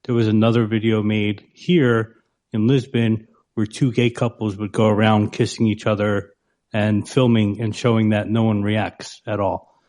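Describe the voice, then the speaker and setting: A man from the United States on a discussion panel, speaking in a reflective, relaxed way. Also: lowish voice, moderate pace.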